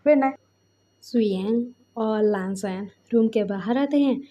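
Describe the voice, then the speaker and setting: A woman's voice: fairly high pitch, takes it slowly, dark tone. A woman retelling a fan fiction story in a chatty, conversational way. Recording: slightly dull lo-fi recording.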